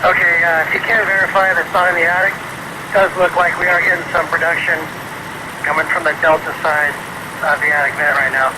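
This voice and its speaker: A man working as a fire incident commander, giving urgent, brisk radio orders in firefighter jargon outdoors. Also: a little high, level tone. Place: outdoors at a fire scene, near vehicle. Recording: noisy outdoor radio traffic, vehicle background.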